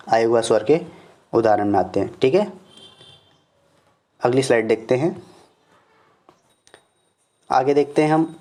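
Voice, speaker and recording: Guy teaching grammar off slides, chhattisgarh accent, keeps saying okay, warm low-key tone. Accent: Chhattisgarh Hindi. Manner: explains step by step, often addressing viewers as "friends"; checks in with "okay" after each point, repeating definitions slowly. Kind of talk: slide-based grammar lesson.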